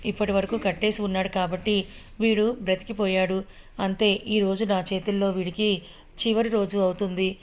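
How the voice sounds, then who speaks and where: Hero part: a woman voicing a determined young man, even, unvaried delivery. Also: medium pitch, normal speed, natural voice. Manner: earnest, determined. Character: brave young male hero, devoted lover.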